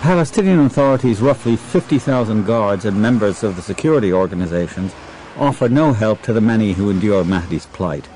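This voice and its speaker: A man narrates a documentary in a measured, factual voice-over. His voice is low and mellow, with a dark, soft tone. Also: animated, faint music behind, low-quality recording.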